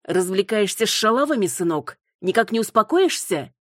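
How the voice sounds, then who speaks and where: A woman voicing an imperious middle-aged mother who berates her son, in a shrill, raised voice. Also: expressive, normal speed, a bit bright, dry recording, clean studio sound. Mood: scolding.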